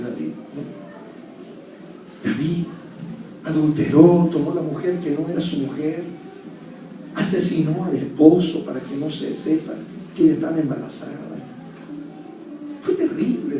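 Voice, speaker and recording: A male pastor preaching a sermon, swinging between loud urgent calls and soft tender passages. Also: on the high side, slight background noise. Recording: very echoey church hall, heard from a distance.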